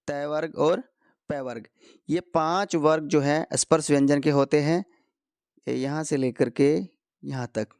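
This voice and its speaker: A man teaching Hindi grammar to exam students, going slowly, posing questions and answering them himself. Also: a little high, darkish tone, clean tone, no echo, clean studio sound. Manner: slow, repeats key answers, asks and answers his own questions. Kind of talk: explanatory lesson for competitive exam students.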